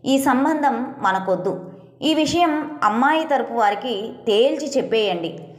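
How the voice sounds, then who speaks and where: A woman storyteller puts on an indignant middle-aged wife who scolds her husband in a sharp, reproachful tone. Her voice sits high and carries an echo from the room it was recorded in. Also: expressive, unhurried.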